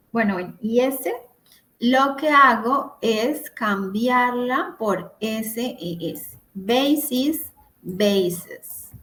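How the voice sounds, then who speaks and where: A woman teacher giving an online grammar lesson over a video call, explaining patiently step by step and checking in often with her class. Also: fairly high pitch. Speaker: English teacher. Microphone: computer mic on a video call.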